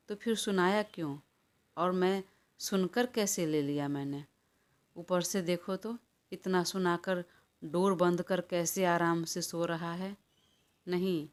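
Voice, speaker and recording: A woman reading an audio story, voicing a stubborn, hot-tempered young woman in a quarrelsome, defiant manner. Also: on the low side. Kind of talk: audiobook character voice.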